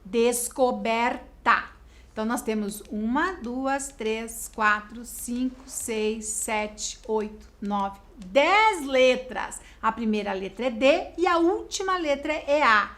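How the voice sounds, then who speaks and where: A Brazilian woman teaching a video lesson to schoolchildren, explaining slowly and spelling out words clearly. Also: on the high side, lively intonation, a bit bright. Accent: Brazilian Portuguese.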